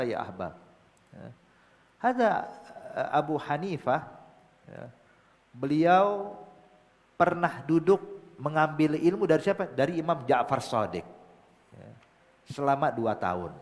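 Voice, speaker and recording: A man giving a religious lecture, telling stories and often punctuating them with a repeated "ya". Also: fairly high pitch. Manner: storytelling, peppered with a recurring "ya". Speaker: preacher. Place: large majelis hall. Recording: reverberant hall.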